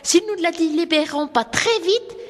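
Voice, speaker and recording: A woman's voice: very high voice, moderate pace, big-room sound, pitched above the performer's own voice. A woman voicing a kind, eager young male chimney sweep who talks to the children in a storybook reading. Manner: bright, eager, talking to children.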